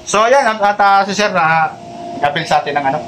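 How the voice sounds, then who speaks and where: A high-voiced Filipino man speaking a little fast, he's a motorcycle accessories seller and vlogger chatting casually as he displays goods for a customer and viewers. He often addresses the customer respectfully, and the location is noisy with vehicle sounds.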